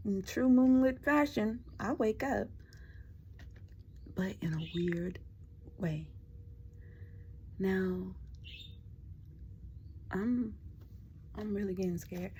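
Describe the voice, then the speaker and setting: A woman host telling a true ghost story in casual chat, sometimes dropping to a hush for the spooky parts, in her dark bedroom at night. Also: medium pitch, takes it slowly, long pauses, a little hiss or hum.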